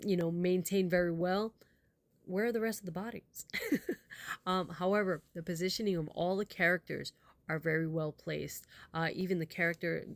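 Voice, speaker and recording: Low-voiced woman judge giving encouraging feedback. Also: no room sound. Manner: encouraging, praise mixed with gentle suggestions. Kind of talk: casual spoken critique.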